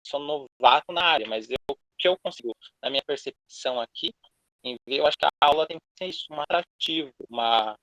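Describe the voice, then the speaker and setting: Young Brazilian teacher, earnest and hesitant, video-call intro, dry mic. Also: male voice, mid-range voice, fairly bright tone, no room sound, low-quality recording. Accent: Brazilian Portuguese. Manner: halting, restarts often, earnest. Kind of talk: online class introduction.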